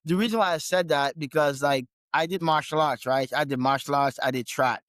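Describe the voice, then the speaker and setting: A man from Guyana, a gym owner and trainer, chatting casually as a podcast guest, relaxed and often restarting his sentences. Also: fairly high pitch, brisk, dry recording. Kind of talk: casual interview conversation.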